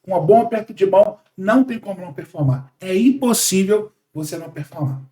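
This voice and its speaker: A man in his forties from Brazil, a sales trainer talking in a podcast conversation, animated and emphatic, lecturing. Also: high-pitched, fairly quick, reverberant. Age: 40s.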